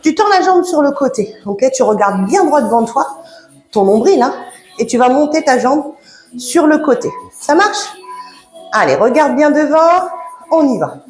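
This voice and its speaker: A woman's voice: high voice, sing-song, measured pace, darkish tone. A woman coaching a home workout, chatty and encouraging, laughing often and slightly out of breath. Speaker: fitness coach. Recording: echoey room with background music.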